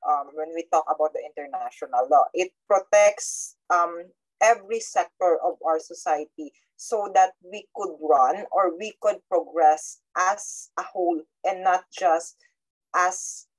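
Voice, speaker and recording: Soft-spoken woman student answering. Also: fairly low pitch, measured pace, rough recording. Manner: polite, hesitant answer with restarts.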